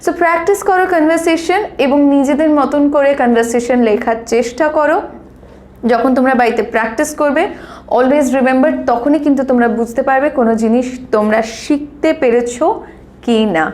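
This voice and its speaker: A young woman with a Bengali accent gives a bilingual English lesson. Her voice sits high, and she reads the dialogue lines slowly and clearly before explaining them. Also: darkish tone. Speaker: English teacher.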